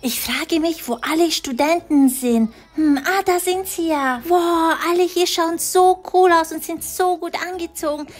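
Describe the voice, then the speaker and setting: A woman voicing an eager little schoolgirl in an animated story, speaking in a childlike, bright way. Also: extremely high pitch, measured pace.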